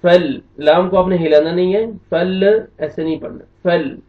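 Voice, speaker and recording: A man teaching Quran recitation, spelling out letters and vowel marks, then reciting slowly with long drawn-out notes, in a Pakistani Urdu accent. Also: high voice, steady tone. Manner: slow drawn-out recitation alternating with brisk explanation. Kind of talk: tajweed lesson, spelling out and reciting. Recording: roomy, distant, dull lo-fi sound.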